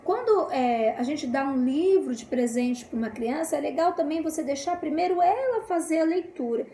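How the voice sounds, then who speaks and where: High-voiced Brazilian woman giving parenting tips. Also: animated, normal speed, mellow. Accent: Brazilian Portuguese. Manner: explains with frequent "né?" and "tá?" checks; acts out the scolding parent in a shrill, raised voice. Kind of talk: casual instructional talk to camera. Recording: echoey room, faint background noise.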